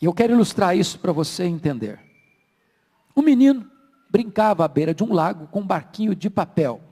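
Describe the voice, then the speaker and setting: A man preaching a sermon in Brazilian Portuguese, swinging from soft, low asides to loud, slow emphasis. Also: expressive, husky. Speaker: pastor. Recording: long hall reverb.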